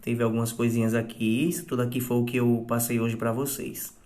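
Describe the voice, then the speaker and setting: A man's voice: mid-range voice, flat delivery, a little mellow. A man teaching a recorded class lesson to children, explaining patiently step by step and often checking "tá bom?" with his pupils. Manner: acts out sample exclamations in a raised, drawn-out voice.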